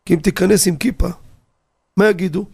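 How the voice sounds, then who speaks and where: Animated, gravelly-voiced rabbi on the radio. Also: male voice, high-pitched. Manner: animated, asks rhetorical questions, tells anecdotes. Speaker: rabbi teaching on a radio show.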